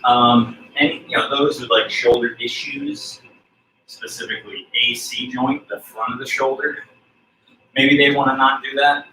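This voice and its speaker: Lively, bright-voiced man coaching a workout. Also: mid-range voice, measured pace, slight background noise. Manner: relaxed, chatty coaching with fillers. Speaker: fitness trainer. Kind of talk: casual workout instruction. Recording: roomy sound from a distant mic.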